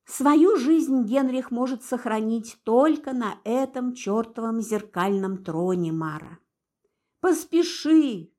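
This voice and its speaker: Gruff stern father for an audiobook, blunt and impatient, read by a woman, high and lively. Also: slow. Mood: urging. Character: grim stern older father, a commanding man.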